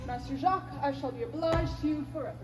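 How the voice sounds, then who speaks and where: A woman's voice: high voice, fast talker, over music, natural voice. A woman playing a young son in love who defies his father, in a stage play performance. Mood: earnest. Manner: pleading then defiant. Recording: echoey theater stage from far off, noisy.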